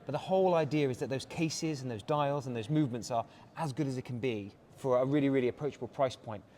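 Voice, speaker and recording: Quick-paced and darkish in tone, the medium-pitched voice belongs to a brand director from England with an English accent. He pitches a product with polished enthusiasm and regular "uh" fillers at a busy watch showroom event, over a little hiss or hum.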